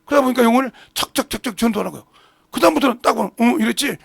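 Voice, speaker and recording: A middle-aged man preaches an animated sermon in a church and slips into voices for the people in his examples. His voice sits fairly high and is heavily gravelly and husky. The sound is dry and close, with little room around it. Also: rapid-fire, no room sound. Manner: animated preaching, acting out family dialogue. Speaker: pastor. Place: church sanctuary.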